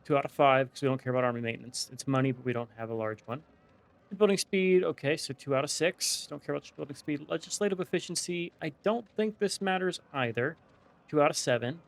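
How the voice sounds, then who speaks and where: A man's voice: fairly high pitch, a little fast, gravelly. A man with a slight lisp from wearing a dental retainer, giving casual let's play commentary as he thinks aloud and weighs options one by one. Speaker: gaming video host.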